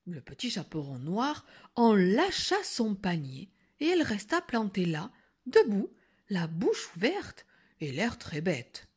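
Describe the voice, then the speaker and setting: A woman teacher reading a storybook aloud, slow and expressive, sometimes hushed. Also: mid-range voice, slightly rough.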